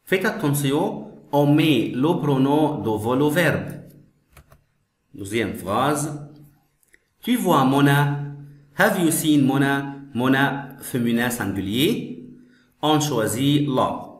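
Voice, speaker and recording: Slow, patient man teaching French. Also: medium pitch, animated. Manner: slow, patient, repeats phrases and glosses them in English. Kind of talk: slow classroom explanation. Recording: echoey room.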